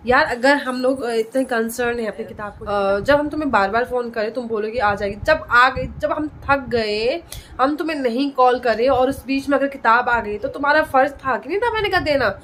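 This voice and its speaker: A woman in her thirties speaks in a casual vlog, her voice sitting a little high. She tells her story with heated indignation. Faint ambient noise hums behind her. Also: moderate pace, fairly bright tone, rough recording. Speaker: vlogger and parent.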